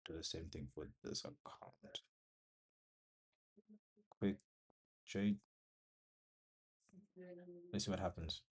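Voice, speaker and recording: Deep-voiced young man talking over a trade. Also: fairly even intonation, slow pace, long pauses, husky. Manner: talks to viewers while watching the screen, in short broken phrases. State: out of breath. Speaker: trading vlogger. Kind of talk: casual live commentary. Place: bedroom at home.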